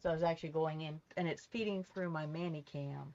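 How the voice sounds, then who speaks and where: Woman, noise-suppressed mic, gravelly voice, dull lo-fi sound, casual stream chat. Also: steady tone, brisk. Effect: noise suppression on the mic, low and processed sound.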